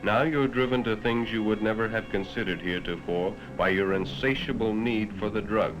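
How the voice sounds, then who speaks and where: In a muffled vintage 1960s film soundtrack with prominent music, an American man reads scripted narration at normal speed. His voice is lowish. Addressing the listener directly, he sounds grave, dramatic and moralizing, just like a 1960s educational film.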